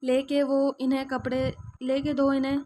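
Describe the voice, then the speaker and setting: A woman's voice: high-pitched, monotone, mellow, slight background noise, close to an everyday voice. Brief: a tearful, pleading young mother, read by a woman narrator for an audio novel.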